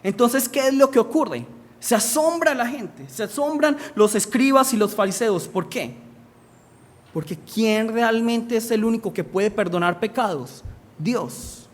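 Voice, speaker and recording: A man's voice: extremely high pitch, lively intonation, a little slow. A male preacher, giving a sermon and asking the congregation questions that he answers himself.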